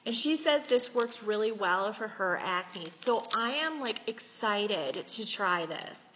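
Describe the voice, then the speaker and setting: A beauty vlogger in her 40s slowly shows off gifts, gushing and giggling in a casual chat. She speaks expressively at medium pitch with a fairly bright tone; the recording has echo, a slightly dull quality, and faint hiss.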